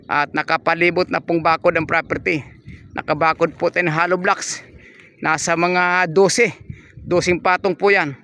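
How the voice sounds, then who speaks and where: A man's voice: a little high, little pitch movement, normal speed, pushed and bright, clear, resonant tone, dry recording. A man walking a lot outdoors and narrating a property tour in polite, upbeat salesman patter. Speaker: real estate agent giving a property tour. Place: outdoors on a large fenced lot.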